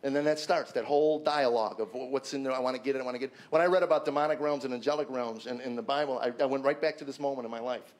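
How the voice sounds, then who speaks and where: A man's voice: fairly even intonation, rapid-fire, hardly any pauses. A man in his fifties giving a personal testimony to a men's gathering, emphatic and repeating words when stuck. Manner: emphatic storyteller, swings loud and high at peaks.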